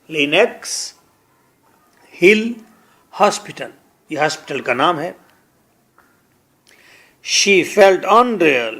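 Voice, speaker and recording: A man with a Pakistani accent teaching an English lesson, reading each line slowly and then translating and explaining it, often repeating words. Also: fairly high pitch, a bit bright.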